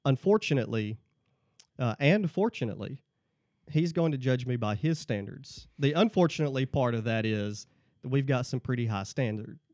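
A man's voice: medium pitch, animated, moderate pace, darkish tone, no echo. Guy explaining bible stuff step by step, keeps saying okay?, dry close mic. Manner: explains point by point, tags lines with "okay?". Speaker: guest. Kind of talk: casual faith discussion.

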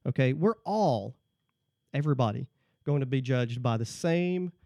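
A guest in a casual discussion, this man talks about the Bible, working through his points one at a time and frequently tacking on "okay?" to check in. His medium-pitched, mellow voice is animated and moderately paced, recorded in studio quality with no echo.

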